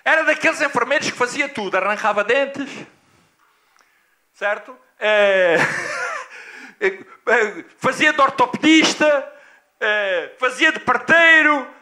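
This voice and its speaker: A man from Angola, a pastor telling a personal story in a sermon, emphatic and dramatic. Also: pushed and bright. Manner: emphatic, dramatic, with big swings in pitch.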